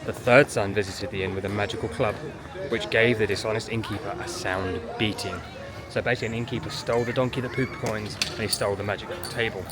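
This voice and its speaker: A parent on a family outing narrates a theme park vlog fast, with a medium pitch and steady tone, in a casual walk-through manner. The walk is mostly outdoors, with stops inside small buildings, against a loud crowd, loud music and outdoor park ambience.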